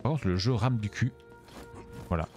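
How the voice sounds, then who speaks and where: A man's voice: fairly low pitch, moderate pace, a little mellow, faint music behind. A man casually commenting on a video game while streaming, chatty and jokey, thanking viewers by name. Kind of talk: casual let's-play commentary.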